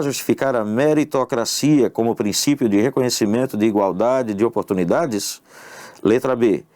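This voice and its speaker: A man's voice: medium pitch, a little mellow, dry recording. Male teacher for an exam-prep video, explanatory, talks straight to the viewer, dry sound. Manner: explanatory, addresses the viewer directly with tag questions. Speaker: English teacher. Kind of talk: exam review lesson. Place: online video lesson.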